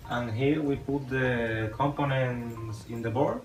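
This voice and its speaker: A man with a Spanish accent explains how a circuit works in a plain, steady way. He sounds set back from the mic in an echoey room. Faint music plays behind him. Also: mid-range voice, takes it slowly, recorded from a distance. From Canary Islands, Spain. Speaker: student.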